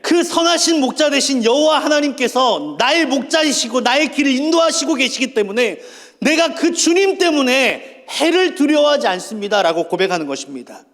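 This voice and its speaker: A pastor delivers a Sunday sermon in a fairly high, slightly bright voice, animated and at a moderate pace, hurling rhetorical questions at the congregation and asking them to repeat after him. His words ring out with a long church-hall reverb.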